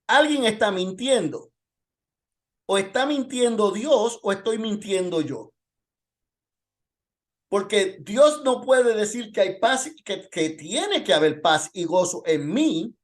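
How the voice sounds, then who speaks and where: A male pastor with a high-pitched voice gives an informal Bible lesson, weaving in testimony and pointed rhetorical questions. His delivery is animated and slow.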